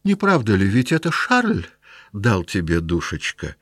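A man's voice: on the low side, wildly swooping pitch, unhurried, fairly bright tone, husky, no room sound, studio quality, full character voice. A man voicing a miserly, domineering old father who talks in a wheedling, mocking way in a raised voice.

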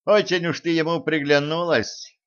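A man's voice: on the high side, steady tone, moderate pace, clear, resonant tone, muffled recording, voice pushed up, natural voice. Man doing a brash, haughty young tsarevna. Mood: boastful. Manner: brash, mocking, loud folksy talk. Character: haughty spoiled young tsarevna, boastful and cruel.

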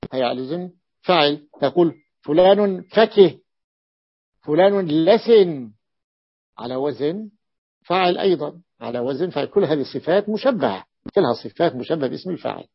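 A man teaching Arabic morphology in a classroom lecture, repeating example words slowly and checking whether his students follow. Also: a little high, creaky, no echo. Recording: dull dry lo-fi recording.

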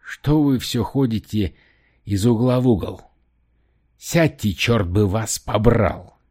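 Hysterical shouting fighter, dark voice, read by a male narrator; audiobook. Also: on the low side, measured pace. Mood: irritated. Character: irritable shouting male squad member. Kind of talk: audiobook character voice.

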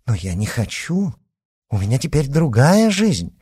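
A stubborn young woman talks back with resentment and defiance, as a man puts her on. Her voice stays husky and a little raised. It is an audiobook figure. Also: medium pitch, big pitch swings, measured pace, mellow, pitched above the performer's own voice. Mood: defiant.

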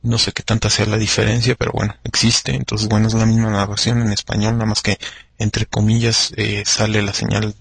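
A man's voice: fairly low pitch, flat delivery, fairly quick, gravelly, fairly bright tone, breathy edge, no room sound. A man with a Mexican accent hosting a radio show, chatting casually and rambling with many fillers and restarts. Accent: Mexican Spanish.

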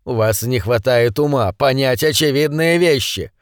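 A man reading an audiobook, voicing a composed army colonel who speaks quietly and firmly. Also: mid-range voice, normal speed, dry recording, studio quality, natural voice. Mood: calm. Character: calm steady male army colonel.

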